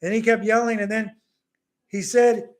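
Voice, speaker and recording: A middle-aged man hosting a casual live Q&A at home, telling a story with animated energy and mixing Bisaya words into his English. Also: sits high, moderate pace. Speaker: livestream host.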